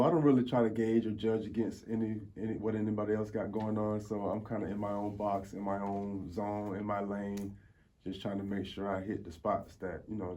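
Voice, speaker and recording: A man's voice: lowish voice, warm tone. A man. He talks casually, like telling stories to a friend, with plenty of informal street slang. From Tampa, Florida, United States. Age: 40s. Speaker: interview guest, food reviewer. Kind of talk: casual conversational storytelling.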